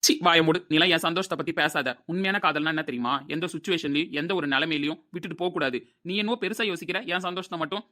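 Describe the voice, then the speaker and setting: A man's voice: on the high side, racing, hardly any pauses. A man playing a furious jilted young man. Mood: furious, hurt. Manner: shouting, bitter, scolding. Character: angry young man hurt in love.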